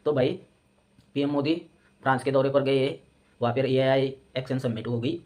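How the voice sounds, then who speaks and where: A man's voice: medium pitch, steady tone, moderate pace, darkish tone. A man hosting a reaction video, ranting in a scornful, mocking tone.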